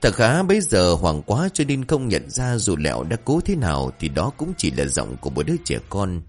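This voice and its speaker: Man, ghost story narration, low voice, lively delivery, faint music. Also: moderate pace.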